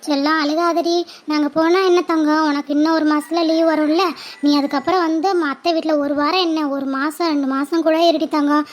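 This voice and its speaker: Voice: high voice, level tone, fairly quick, slight background noise, pitched below the performer's own voice, lightly acted. A performer voicing an aunt who tenderly comforts her niece while tearful herself. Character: older aunt, tender and weepy.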